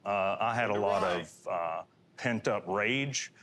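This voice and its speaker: A man speaking on a panel discussion, measured and reflective, pausing with fillers. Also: fairly low pitch, a bit bright, a little hiss or hum. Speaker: panel guest.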